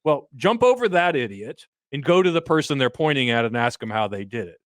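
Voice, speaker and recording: A man in his fifties co-hosts a radio money show as a financial advisor, talking casually, bluntly and with jokes. His voice sits at a middle pitch. The sound is dry and close to the mic. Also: sing-song, brisk, no room sound. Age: 50s. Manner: blunt, joking, folksy analogies.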